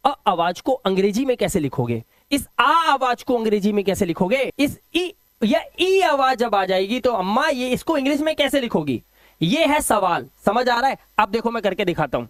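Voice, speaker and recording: A man's voice: high-pitched, big pitch swings, moderate pace, fairly bright tone, no echo. A man teaching a video lesson, who asks his viewers questions and answers them himself. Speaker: English teacher. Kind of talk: classroom-style video lesson.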